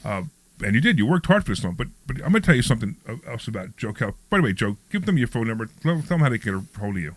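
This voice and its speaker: A man's voice: medium pitch, sing-song, very fast, no room sound. A man in his sixties hosting a radio talk show, chatting casually, rambling with frequent restarts. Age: 60s.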